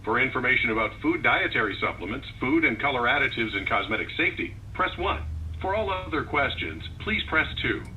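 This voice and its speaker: A man's recorded phone menu voice reading measured, even prompts, heard through buzzy, glitchy internet call audio. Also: medium pitch. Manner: measured, evenly read prompts. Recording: muffled distant phone line with faint hiss.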